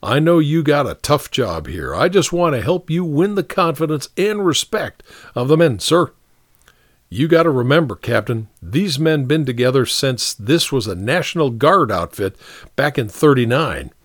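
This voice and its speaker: Voicing a shrewd, unflappable first sergeant in an audiobook, a man delivers plain-spoken but formally respectful dialogue in a steady tone. His mid-range voice, pitched above his natural one, swings widely in pitch at normal speed, with clean studio sound and no room reverb.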